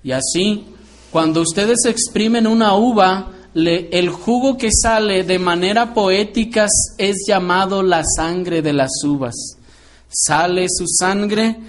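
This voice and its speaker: A man with a high, light voice delivers a sermon-style Bible lesson. He talks at an unhurried pace, laying out each point carefully and turning to his listeners with rhetorical questions. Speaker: preacher teaching the Bible.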